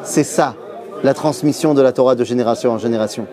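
A middle-aged man giving a lively Torah lesson to camera in a busy yeshiva study hall, telling it like a story. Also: mid-range voice, fast talker, a crowd in the background. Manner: lively storyteller, acts out quoted voices. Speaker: Torah teacher.

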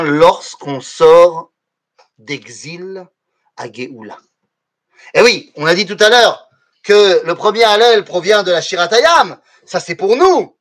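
A man teaching a lesson to his students, explaining things step by step and often throwing questions back at the class. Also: very high voice. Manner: animated, asks the class rhetorical questions.

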